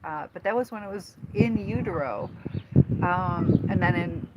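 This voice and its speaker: A woman in her fifties, hosting a casual live stream, talking in a rambling, halting way with many fillers. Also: lowish voice, muffled recording. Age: 50s. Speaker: livestream host and teacher. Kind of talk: casual live-stream chat answering viewers. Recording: noticeable background noise.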